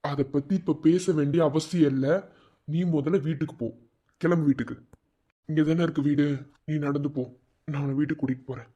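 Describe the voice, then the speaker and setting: A man's voice: on the high side, fairly even intonation, brisk, long pauses, mellow, lo-fi sound, close to an everyday voice. A man voicing a bossy, scolding young friend. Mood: impatient. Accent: Madurai Tamil. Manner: scolding, curt commands. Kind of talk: cartoon voice acting.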